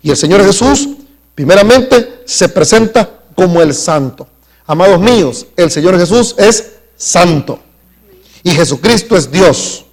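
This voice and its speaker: A man preaching a live sermon in a church. He speaks emphatically, slows down to stress key words, and calls questions out to the congregation. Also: high voice, lively intonation. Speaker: pastor. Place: church sanctuary.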